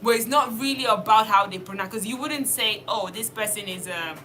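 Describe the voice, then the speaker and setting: A young woman from Italy teaching a casual video lesson, speaking slowly and deliberately and spelling out words. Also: medium pitch, sharp tone, slight background noise. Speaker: language teacher.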